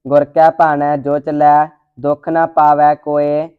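Student reciter, very flat and slow, steady line-by-line chant, tinny phone-like sound. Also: medium pitch, smooth, no echo. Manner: steady monotone reading, line by line.

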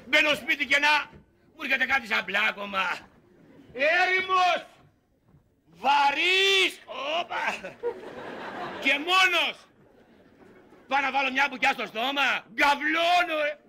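A desperate, lustful comic husband. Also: male voice, very high-pitched, pauses often, sharp tone, exaggerated voice. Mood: boisterous. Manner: pleading and bawdy. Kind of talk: stage comedy acting. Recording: live stage recording with audience.

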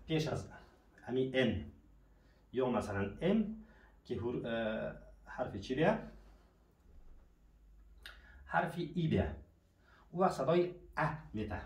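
Guy teaching a class, patient, asks himself questions then answers, sounds far off in a boomy room. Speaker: French teacher. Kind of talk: classroom lesson explanation. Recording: echoey room, mic at a distance.

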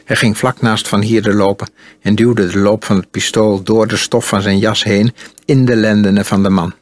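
A man narrating an audiobook in a calm, measured storytelling manner. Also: fairly low pitch, dry recording, studio quality. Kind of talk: audiobook reading.

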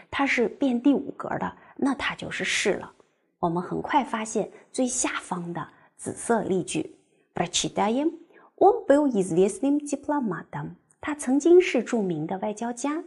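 A woman teaching a language class, explaining step by step and reading example sentences slowly and clearly. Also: mid-range voice, very animated, a little mellow. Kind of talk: recorded classroom lecture.

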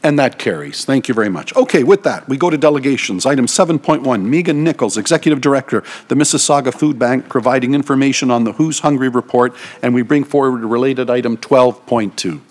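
Middle-aged male council chair, brisk procedural delivery, desk mic in a chamber, mid-range voice. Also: mid-range voice. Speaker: council chair running a meeting. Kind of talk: formal meeting procedure. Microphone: desk microphone.

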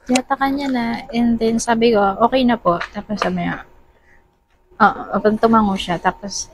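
A woman's voice: fairly high pitch, steady tone, normal speed, a little hiss or hum, low-quality recording. A woman with a Filipino accent telling a story in casual vlog chat, often laughing and acting out the dialogue. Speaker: vlogger. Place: airport departure area.

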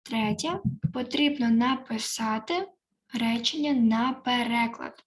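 A woman teaching a Korean lesson online, saying each word twice slowly and explaining it plainly. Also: fairly high pitch.

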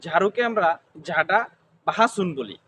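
A man's voice: high voice, lively intonation, normal speed, bright, forceful tone, slight background noise. A man from Gazipur with a Gazipur Bengali accent, giving short answers in an interview. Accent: Gazipur Bengali dialect. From Gazipur, Bangladesh.

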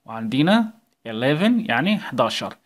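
A man's voice: medium pitch, very animated, fairly quick. A male English teacher with an Egyptian Arabic accent, giving a recorded lesson to young children and calling out words for them to repeat. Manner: coaxing, calls out English words for the class to repeat.

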